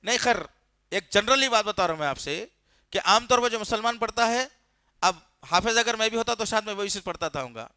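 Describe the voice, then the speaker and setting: A man's voice: high-pitched, lively intonation, sharp tone, smooth, no room sound, studio quality. A man preaching a sermon. He tells the story with fervour and indignation, and he puts questions straight to his listeners. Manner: storytelling, questions the audience directly; fervent, indignant.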